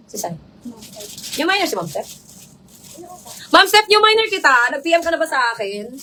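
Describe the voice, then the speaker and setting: A hoarse woman who is losing her voice runs a live selling stream, rapidly calling out buyers' names again and again. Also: very high-pitched, sing-song, sharp tone, recorded from a distance, slight background noise. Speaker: online live seller.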